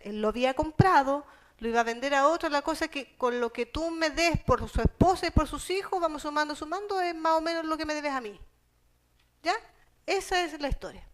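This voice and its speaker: Una mujer con acento chileno predicando un sermón, que lee pasajes bíblicos y los explica en palabras sencillas y cercanas. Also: female voice, high voice. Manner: conversational, explains scripture in plain everyday terms; reads Bible passages aloud. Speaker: preacher. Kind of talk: sermon.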